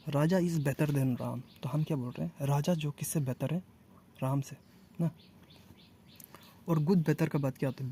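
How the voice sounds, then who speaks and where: A man teaching a casual grammar lesson, asking and answering his own questions and repeating words slowly. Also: medium pitch, gravelly, warm tone, slight background noise.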